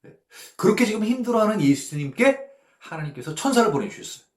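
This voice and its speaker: A male pastor leading a Bible study with a lively voice that swings widely in pitch. He keeps asking his listeners if they follow, and now and then he acts out voices and sounds. The room around him is echoey. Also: fast. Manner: asks the audience "예?" and "그쵸?" to check they follow.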